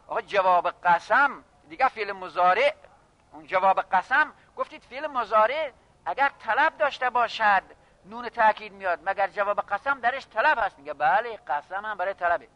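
A man teaching a classroom lesson on grammar, reading phrases slowly and then explaining them briskly while addressing his students. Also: high voice, pushed and bright, muffled recording. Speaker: seminary teacher of Arabic grammar.

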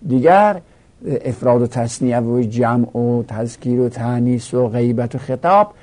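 A man's voice: medium pitch, darkish tone. A male teacher giving a grammar lesson, explaining step by step and reciting verb conjugations in a rhythmic drill. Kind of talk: Arabic grammar lesson taught in Persian.

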